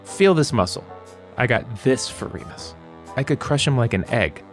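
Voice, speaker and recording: Swaggering brawny tough, acted by a man, lively sing-song delivery over faint music, audio drama. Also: medium pitch, normal speed, natural voice. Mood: boastful. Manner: swaggering, menacing. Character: boastful brawny man threatening a rival.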